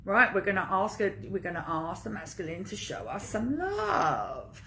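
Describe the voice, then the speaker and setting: A woman's voice: medium pitch, very animated, moderate pace, a bit bright, a little hiss or hum. A woman coaching an online group in a casual livestream, talking informally in an emphatic pep-talk way that leans on repetition.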